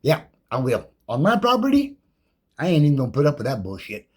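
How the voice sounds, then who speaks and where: A man with a medium-pitched, slightly rough, somewhat mellow voice talks a little fast, his pitch swinging wildly. In an impassioned rant he defiantly asserts his rights, loose and repetitive, full of slang and profanity, reciting legal code numbers from memory.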